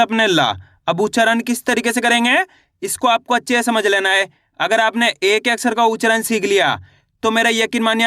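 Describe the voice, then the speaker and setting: A bright, fairly high-pitched man leads a Hindi reading lesson in a dry, close recording. He keeps asking his own questions and then answering them. He slows right down to sound out each syllable. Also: no room sound. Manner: patient, repeats questions and answers them himself. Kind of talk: online literacy lesson.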